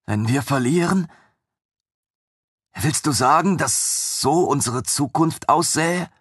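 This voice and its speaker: A man reading an audiobook, voicing a young female companion who speaks softly in a hushed, breathy way. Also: mid-range voice, very animated, moderate pace, no room sound, studio quality, voice pushed up, exaggerated voice. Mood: awed. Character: young woman companion, awed and soft-spoken.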